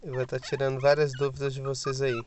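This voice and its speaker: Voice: medium pitch, completely flat delivery, quick pace. A pet vlogger with a Brazilian Portuguese accent, chatting casually to viewers from inside a car and cooing at the puppies now and then. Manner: chatty, repeats itself, coos at the puppies. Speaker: pet video host. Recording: loud background noise of crying puppies. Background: whimpering puppies.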